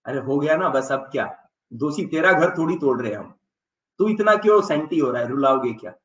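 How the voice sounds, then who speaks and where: Man teaching chemistry, high bright voice, playful scolding, echoey far-off dull recording. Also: lively intonation, fairly quick. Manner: dramatizes electrons as quarreling characters, scolding asides. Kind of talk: animated classroom lecture. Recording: echoey room, distant, dull lo-fi sound.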